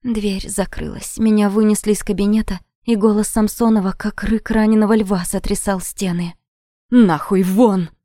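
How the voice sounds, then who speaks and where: A woman narrating a first-person romance audiobook in an intimate, breathy voice that often drops to a whisper. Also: medium pitch, steady tone, fairly quick, few pauses, warm tone, dry recording, clean studio sound.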